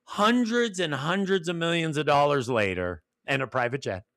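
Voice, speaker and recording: A man's voice: fairly high pitch, normal speed, a bit bright. A man hosting an interview, eager and enthusiastic, telling stories and acting out the dialogue. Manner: eager, acts out quoted dialogue. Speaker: interviewer host.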